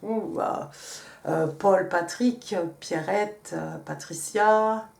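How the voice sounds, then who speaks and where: A woman's voice: medium pitch, extremely slow, creaky, a little mellow, roomy sound. A woman giving a casual tarot reading, chatty and rambling, thinking aloud with many fillers and slipping English card phrases into her French. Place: home in England.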